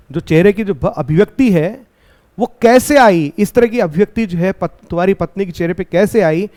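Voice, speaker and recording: High-voiced, slow-talking male teacher. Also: a little mellow. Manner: reads English lines slowly, then explains with rhetorical questions. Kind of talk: line-by-line poem explanation lesson.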